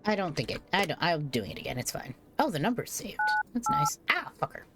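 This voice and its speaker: Animated young woman streaming a game. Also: on the low side, brisk, over loud music. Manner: animated, swears freely, thinks out loud. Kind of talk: live game commentary. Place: home room.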